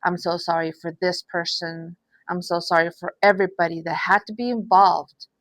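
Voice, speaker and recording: A woman with a slightly low voice gives a tarot reading in a halting, sympathetic way. She stumbles, repeats phrases and sighs between thoughts. The sound is dry and close, with little room echo. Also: steady tone, fairly bright tone. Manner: hesitant, repeats phrases, many restarts; sighs often. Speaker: tarot reader.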